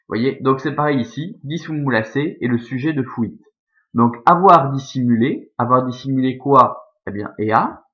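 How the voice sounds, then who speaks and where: Male Latin teacher, mid-pitched voice, patient step-by-step explaining, frequent fillers and self-corrections, slightly dull recording. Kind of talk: recorded classroom lesson.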